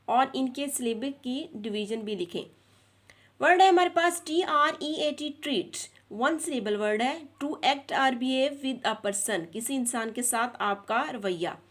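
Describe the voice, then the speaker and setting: Pakistani woman teacher, bright high voice, slow careful reading for young pupils. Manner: reads English slowly, then explains in Urdu; addresses children directly. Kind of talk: reading a schoolbook lesson aloud.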